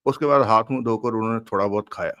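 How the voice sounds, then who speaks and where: A man reads a crime novel aloud as an audiobook in a steady, even storytelling manner. His voice sits on the low side. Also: fast, clear, resonant tone, dry recording. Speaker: narrator.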